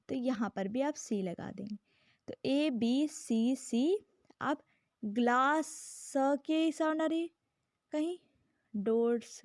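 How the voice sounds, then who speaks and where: Brief: patient woman teacher, high voice, unhurried lesson delivery, dry close sound. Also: vocal fry, a little mellow, no room sound. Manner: slow, patient, repeats words and "ठीक है" often; reads English definitions very slowly. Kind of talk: classroom-style lesson explaining a poem.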